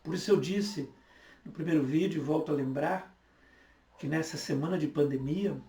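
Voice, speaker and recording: A man's voice: fairly high pitch, normal speed, vocal fry, warm tone. A man in his fifties preaching a sermon as a pastor, urging his listeners on in earnest and often repeating himself. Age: 50s. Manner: earnest, repetitive exhortation. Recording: echoey room, voice from far off.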